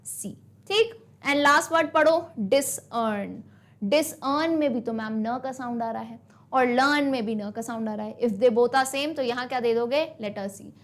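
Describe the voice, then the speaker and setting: A young woman with a high voice teaches an online exam-prep lesson. She talks briskly and encouragingly, mixing Hindi and English, and slows right down to read English lines aloud. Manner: brisk, encouraging, calls students "beta"; switches between Hindi and English, reads English lines slowly.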